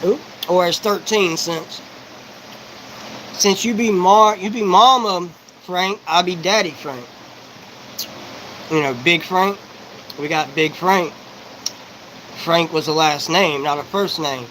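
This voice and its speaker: A man in his forties talking on a live stream in a rapid, profane, rambling and disjointed monologue. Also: high-pitched, bright, forceful tone, a little hiss or hum, poor audio. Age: 40s. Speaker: livestreamer.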